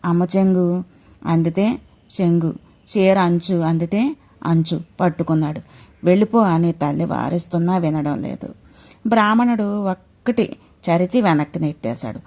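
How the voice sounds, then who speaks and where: A woman's voice: fairly low pitch, moderate pace, a little mellow. A woman storyteller narrating a devotional myth in an emotive, dramatic way.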